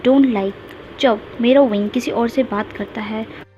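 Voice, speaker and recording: A woman reading a story voices a reserved, stern young man who speaks calmly and briefly, close to her own voice. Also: a little high, slow, faint music behind. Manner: calm, terse. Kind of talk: storybook character voice. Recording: dull lo-fi with faint hiss.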